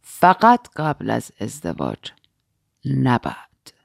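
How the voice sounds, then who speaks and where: A woman voicing a sly, scheming male count who speaks slowly with a smile. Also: extremely low pitch, wildly swooping pitch, gravelly, no echo, clean studio sound, voice pushed down, full character voice. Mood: smug calm. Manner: slow, smiling, teasing.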